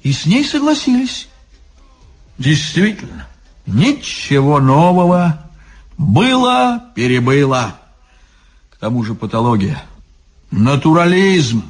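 Male narrator, expressive, ironic, husky, slow, lively pitch. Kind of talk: audiobook story reading.

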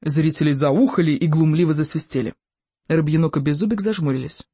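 An audiobook narrator reading a children's adventure story in an expressive, animated way. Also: mid-range voice, a little fast, husky, dry recording. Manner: lively, animated.

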